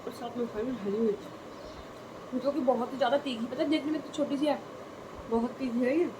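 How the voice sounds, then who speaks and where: A woman's voice: sits high, steady tone, normal speed. Chatty young woman vlogging, noisy audio. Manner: chatty, repeats herself for emphasis. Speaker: family vlogger. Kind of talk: casual vlog narration. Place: rural home with cattle yard and kitchen.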